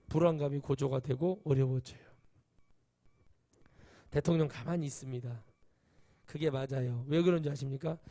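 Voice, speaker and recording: A male pastor preaching a sermon emphatically, jumping to sudden high exclamations and acting out quoted voices. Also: mellow.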